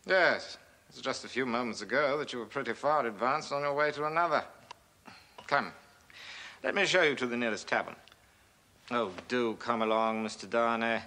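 A man's voice: medium pitch, normal speed, pushed and bright. An actor playing a sardonic, world-weary young male lawyer in a period film, speaking with dry, drawling irony. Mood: wry.

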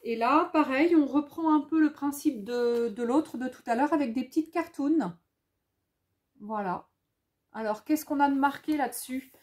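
A woman chatting casually at home as she shows scrapbooking products. She thinks aloud, repeats her words and reads English labels slowly. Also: high-pitched, darkish tone. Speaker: scrapbooking vlogger. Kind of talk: casual haul chat, showing products.

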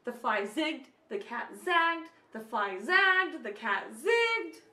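In a small room at home with a slight echo, a storyteller in her thirties reads a picture book to children, expressive and full of small questions and asides. She speaks slowly in a high, sing-song voice that sounds pushed and bright.

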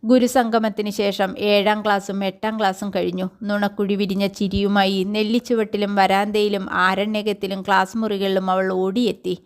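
A woman's voice: mid-range voice, flat delivery, smooth. Woman reading a story aloud. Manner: measured, first-person literary narration. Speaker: story reader.

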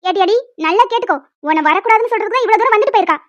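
Woman doing a mean cartoon mother-in-law, squeaky high and fast, nags and insults nonstop. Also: a little mellow. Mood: scolding. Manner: shrill, cutting, insulting. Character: harsh scolding older woman, a mother-in-law.

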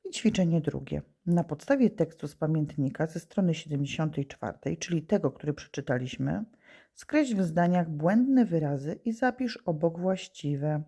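A primary school teacher with a low, dark, husky voice and lively intonation gives children a remote lesson at a moderate pace. Patiently, she asks questions and then provides the answers herself.

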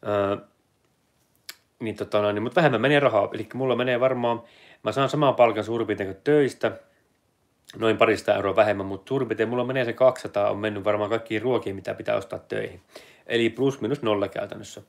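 A man hosting a casual livestream, reading viewer comments aloud and answering them in a relaxed, chatty way. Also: on the low side, gravelly. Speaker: livestream host answering chat. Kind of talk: casual live chat.

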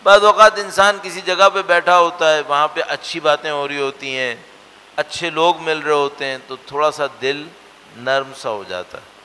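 An earnest man delivering a religious lecture. His voice sits fairly high and bright, and it rings with a long reverb in a lecture hall. He pushes with rhetorical questions and then drops to hushed, soft lines. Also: fairly even intonation, normal speed, clean tone.

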